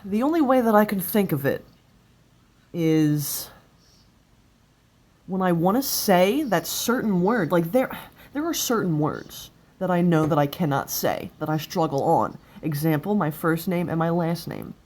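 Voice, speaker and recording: A woman of twenty-eight talking confessionally in halting, broken-up phrases, with an occasional stutter. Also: lowish voice, animated, darkish tone. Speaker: person sharing experience of stuttering in a video. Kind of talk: personal confessional talk. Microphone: cell phone. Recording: noisy cell phone recording.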